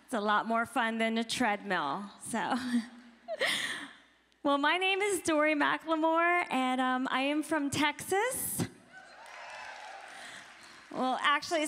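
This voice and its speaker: A woman's voice: high-pitched, fairly bright tone. A woman in her forties doing a chatty, self-deprecating stand-up comedy set at a conference on a handheld microphone. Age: 40s. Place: women's conference hall. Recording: reverberant hall sound.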